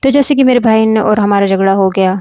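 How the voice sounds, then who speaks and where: A woman's voice: medium pitch, brisk, dark tone, no echo, studio quality. A young woman telling a personal story from her own childhood in a casual, confiding way, often repeating phrases and checking in with her listeners. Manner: confiding, repeats phrases, frequent "theek hai" check-ins.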